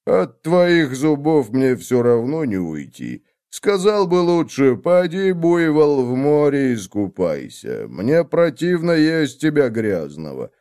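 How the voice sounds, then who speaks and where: A man's voice: mid-range voice, big pitch swings, dark tone, pitched above the performer's own voice. A man doing a lazy, mocking buffalo. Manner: slow, drawling, teasing.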